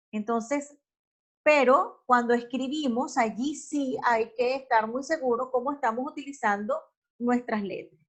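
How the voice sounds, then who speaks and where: A woman teacher lecturing an online class on spelling and accent marks, often checking in with a quick question and correcting herself mid-sentence. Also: high voice.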